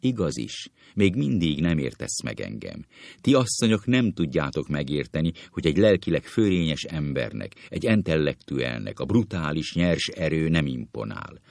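A man's voice: a bass voice, sing-song, creaky, darkish tone, no echo, studio quality, heavily acted. A man voicing a vain, cowardly male writer who rants indignantly about spiritual superiority and later titters nervously, in a comic play reading.

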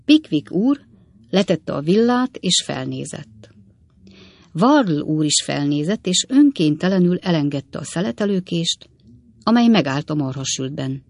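Woman reading an audiobook, deep for a lady, calm, dry close sound. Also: dry recording. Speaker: narrator. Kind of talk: audiobook narration.

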